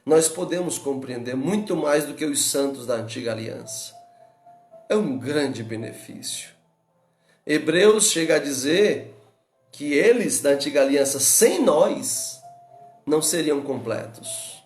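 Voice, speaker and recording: A Brazilian Portuguese-accented pastor preaches an expository Bible study in an unhurried, deliberate delivery. His voice sits fairly high for a man. He asks rhetorical questions and repeats his urgings, and the room around him rings with echo. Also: expressive, soft background music.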